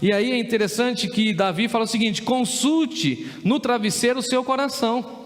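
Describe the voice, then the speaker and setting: High-voiced Brazilian pastor preaching, reverberant. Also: male voice, moderate pace. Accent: Brazilian Portuguese. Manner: emphatic, asks the congregation rhetorical questions. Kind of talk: sermon. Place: church sanctuary. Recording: long church reverb.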